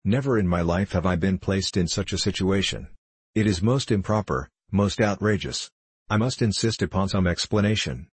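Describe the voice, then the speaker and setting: A stout, respectable gentleman, voiced by a male reader complains in a pompous, indignant manner. The voice is low and husky. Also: moderate pace, no room sound.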